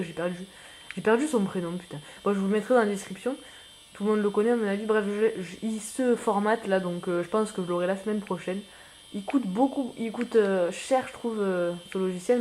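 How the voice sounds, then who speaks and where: A man giving casual gameplay commentary as a new YouTuber, rambling and self-mocking, full of slang and excitable outbursts at the game. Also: high-pitched, a little hiss or hum.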